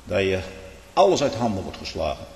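A man giving a fervent religious testimony. He swings from loud outbursts to hushed tones and keeps throwing in tag questions. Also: low-pitched, very animated, brisk, creaky. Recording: echoey hall with long reverb.

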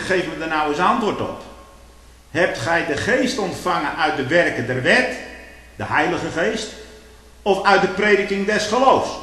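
A man preaching a sermon with impassioned, rising rhetorical questions and archaic biblical phrasing. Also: mid-range voice. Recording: echoey hall, faint hiss.

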